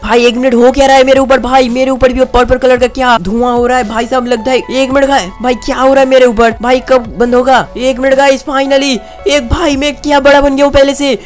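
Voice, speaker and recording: A man narrating a game video, excitedly urging his viewers to comment and subscribe. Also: extremely high pitch, fairly quick, few pauses, faint music behind. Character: young male tiger hero, brave and angry. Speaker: gaming YouTuber. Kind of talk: game commentary with role-play.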